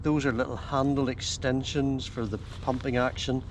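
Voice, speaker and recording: A man's voice: mid-range voice, level tone, normal speed. An older man with an Ulster accent chats casually and easily to camera outdoors, explaining things with homely dialect words. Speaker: kayaking vlogger. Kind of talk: casual chat to camera while out kayaking. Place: outdoors by a slipway and on the sea in a kayak. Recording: outdoor recording with clear background noise.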